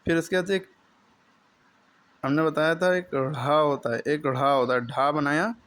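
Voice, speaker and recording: A man's voice: a little high, steady tone, a little slow, a bit bright. A man teaching the alphabet in a classroom lesson, explaining patiently step by step and drilling each sound for a pupil to repeat.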